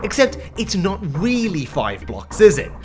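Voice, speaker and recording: Exasperated unhinged rant voiceover, sarcastic, pitch swings all over, music underneath. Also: very animated, unhurried, a little mellow. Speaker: video essayist. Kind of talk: scripted rant commentary. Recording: music playing behind. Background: background music.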